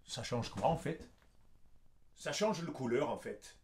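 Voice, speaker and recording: A man's voice: mid-range voice, animated, a little slow, darkish tone. A male vocal coach giving a singing lesson, patiently explaining consonants and then singing short examples. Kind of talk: singing lesson with sung demonstrations.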